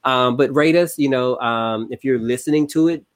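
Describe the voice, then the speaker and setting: A man, co-hosting a casual podcast, relaxed and full of fillers and repeats. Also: medium pitch, normal speed. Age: 30s. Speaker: podcast co-host. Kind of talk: casual chat.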